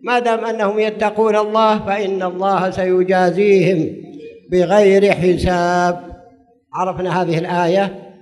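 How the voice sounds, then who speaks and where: A man's voice: high-pitched, flat delivery, normal speed, a little mellow. A man giving a religious lesson as a preacher, speaking formal Standard Arabic and explaining with repeated phrases. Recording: long hall reverb.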